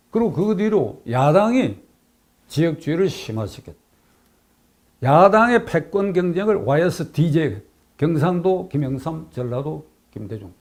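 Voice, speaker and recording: An older man delivers a political commentary in a fairly high voice. He is emphatic, repeating key phrases for stress and asking rhetorical questions as he goes. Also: gravelly, darkish tone.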